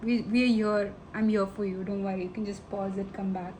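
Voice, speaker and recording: A woman's voice: medium pitch, flat delivery, normal speed, background noise. A woman giving a casual tarot reading to the viewer, affectionate and rambling, calling them babe and honey. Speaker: tarot reader.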